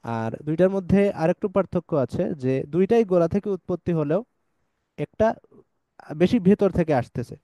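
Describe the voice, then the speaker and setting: A man teaching Quranic letter pronunciation in a patient, explanatory way, modelling each sound slowly. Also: sits high, expressive, warm tone, no echo. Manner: patient, models sounds slowly and recites verses in drawn-out chant. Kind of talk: explanatory lesson.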